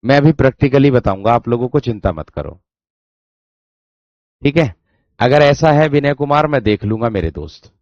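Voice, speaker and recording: A man's voice: mid-range voice, sing-song, normal speed, long pauses, darkish tone, no echo. A man teaching a Hindi grammar class online, who keeps addressing students as dear friends and repeats his phrases. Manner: demonstrates sounds aloud, repeating syllables. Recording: dull dry lo-fi sound.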